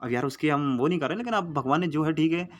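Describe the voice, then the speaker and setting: A man with a fairly high voice speaks at a quick pace in a casual Hindi lesson, coaxing viewers through exam memory tricks, repeating his mnemonics again and again and calling everyone friend. It's a lo-fi phone recording.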